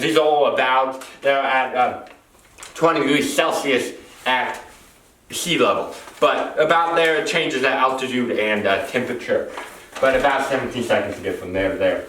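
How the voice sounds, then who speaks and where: Medium-pitched, a bit bright and at normal speed, a man presents an unscripted explainer in a cavernous warehouse. He drifts, repeats phrases and keeps correcting himself, captured on a distant mic with echo and faint noise.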